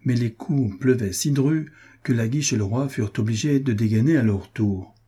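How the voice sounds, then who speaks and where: A man narrating an audiobook in a measured, even reading. His voice is dark and husky, low in brightness and a little rough. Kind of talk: scripted narration.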